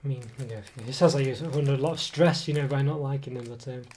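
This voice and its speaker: At an indoor table, a man with a cold reviews a snack casually as a food reviewer, his voice cutting in and out. He talks rapid-fire in a medium-pitched, darkish, steady voice, rambling and hesitating with many fillers and self-corrections. Slight background noise comes through the table camera mic.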